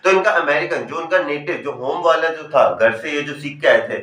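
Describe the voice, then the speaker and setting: A young man from Rajasthan teaching a class 10 English story, reading each line slowly and then explaining it in chatty Hindi. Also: a little high, sharp tone, echoey room. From Rajasthan, India. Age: young adult.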